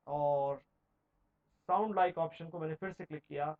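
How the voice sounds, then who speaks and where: A man's voice: on the high side, fairly even intonation, normal speed, narrow, tinny audio. A man teaching a computer lesson over a screen recording, explaining each step in a mix of Hindi and English. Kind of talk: screen-recorded software tutorial.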